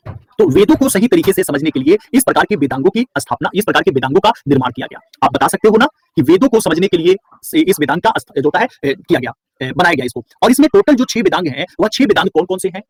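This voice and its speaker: There's no echo on this high, breathy-edged male voice. A teacher from Bihar lectures an online class, posing questions to his students and answering every one himself, with words repeated for emphasis.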